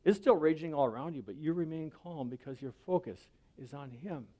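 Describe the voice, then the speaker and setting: A man's voice: on the high side, animated, fairly quick, dark tone. A man giving a sermon as a pastor, speaking in a conversational way and often checking in with the listener. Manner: conversational preaching, often asks the listener "right?".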